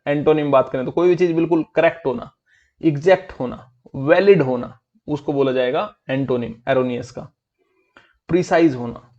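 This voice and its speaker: A man's voice: a little high, normal speed, a little mellow, highs cut off. A man teaching an online vocabulary class for exam prep, in a chatty, friendly way that mixes Hindi and English.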